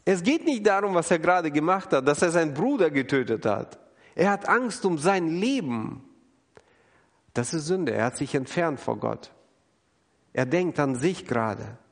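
A man's voice: a little high, sing-song, normal speed. A man preaching an earnest, emphatic sermon, acting out the people he quotes. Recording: long hall reverb.

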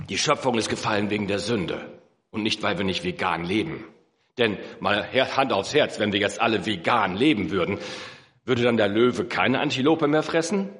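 Animated German-language preacher in echoey hall. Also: male voice. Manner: animated preaching, rising to emphatic peaks then dropping low and slow. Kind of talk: sermon.

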